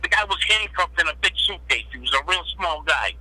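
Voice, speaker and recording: A man's voice: fairly high pitch, lively intonation, brisk, pushed and bright, no echo, poor audio. A man telling blunt, streetwise stories as a guest in an interview, swearing freely. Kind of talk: storytelling in an interview.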